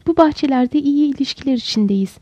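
Give me a kindly young woman with a soothing manner and a high, mellow voice, read by a woman narrator. The recording is dry and dull, with a lo-fi edge. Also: a little fast, no echo, lightly acted. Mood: reassuring. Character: gentle reassuring young woman.

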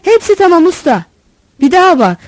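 A woman's voice: extremely high pitch, big pitch swings, fairly quick, a little mellow, dry recording, voice pushed up, rough recording. A woman voicing a cheeky, smarmy male truck driver's helper who talks in a carefree, teasing way, in a storybook reading. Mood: gleeful.

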